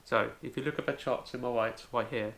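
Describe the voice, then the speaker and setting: Male tutorial host, gravelly creaky voice, careful step-by-step delivery. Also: mid-range voice, steady tone, fairly quick, fairly bright tone. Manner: careful, step-by-step explaining with frequent "so". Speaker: language video host. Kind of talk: home-made tutorial.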